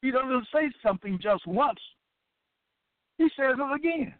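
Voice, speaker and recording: A man's voice: extremely high pitch, lively intonation, no echo. A man teaching from scripture in an emphatic monologue, repeating key phrases and stretching out quoted verses. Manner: drags out scripture quotes slowly. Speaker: Bible teacher. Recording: dry, tinny phone-like sound.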